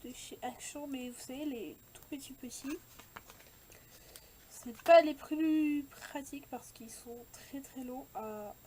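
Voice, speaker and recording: A young woman chats casually through a scrapbooking project in a craft tutorial, hesitant and full of fillers and restarts. Her voice sits high and sounds warm, with slight background noise.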